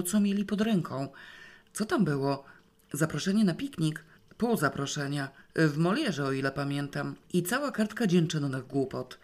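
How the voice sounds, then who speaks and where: A woman reading a first-person novel aloud in a wry, lively storytelling manner. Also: sits low. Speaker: audiobook reader. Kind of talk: first-person literary narration.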